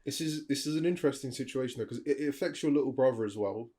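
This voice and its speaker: A man's voice: medium pitch, quick pace. A man co-hosting an advice podcast, talking animatedly, swearing and acting out what people say. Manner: animated, swears, acts out quoted voices. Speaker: podcast co-host. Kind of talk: casual advice chat.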